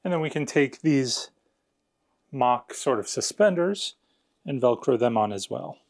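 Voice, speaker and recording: Male product reviewer, conversational, walking through steps with noticeable vocal fry. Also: mid-range voice, expressive, unhurried. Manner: conversational, explanatory. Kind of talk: casual hands-on unboxing and review narration.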